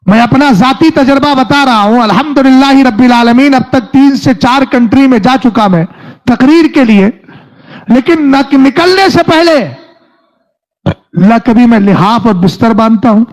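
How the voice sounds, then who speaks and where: A man's voice: very high voice, normal speed. A man preaching a religious sermon, reciting Arabic verses and then explaining them, often asking his listeners whether they have understood. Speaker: Islamic preacher.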